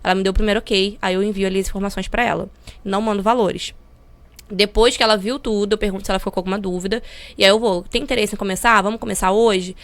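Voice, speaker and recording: A woman's voice: medium pitch, quick pace. A young woman talks at a breakneck pace, pushing her points with energy and conviction. She speaks as a podcast guest explaining how she sells. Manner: energetic and persuasive. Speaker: podcast guest, digital marketing affiliate. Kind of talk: podcast interview.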